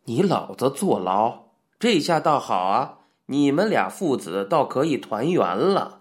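A man voicing a heavyset police officer who questions suspects in a loud, pressing voice. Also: mid-range voice, big pitch swings, normal speed, lightly acted. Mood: mocking. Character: gruff heavyset male police officer interrogating.

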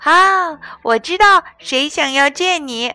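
A woman puts on a tiny grinning elf for a children's storybook, his voice perched high and playful, bouncing around with a sly, teasing lilt. He draws out his words slowly and happily, enjoying the trick he is playing. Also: expressive, bright, forceful tone, no room sound, faint music behind, heavily acted.

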